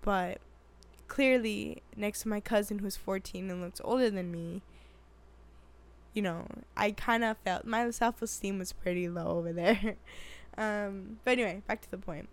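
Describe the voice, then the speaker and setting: Animated young woman telling a story. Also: mid-range voice, unhurried. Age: 20s. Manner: animated storytelling, acts out quotes, laughs often. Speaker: vlogger. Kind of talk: casual storytime chat.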